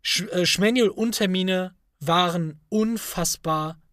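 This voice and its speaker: A man's voice: sits high, slow pace, a bit bright, dry recording, clean studio sound. A man co-hosting a podcast, chatting casually and arguing his points earnestly at length. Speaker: podcast co-host.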